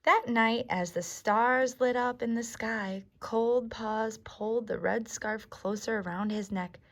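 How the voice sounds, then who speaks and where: Using a fairly high voice and a slow pace, a woman tells stories to young children at a library. She addresses them in simple, encouraging words and reads picture books with animation.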